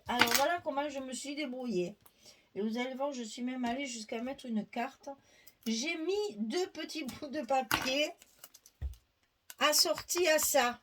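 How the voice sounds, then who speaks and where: Woman, casual tutorial host, chatty, lots of fillers, faint background noise. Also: a little high. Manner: chatty, thinks aloud, frequent fillers; laughs at herself.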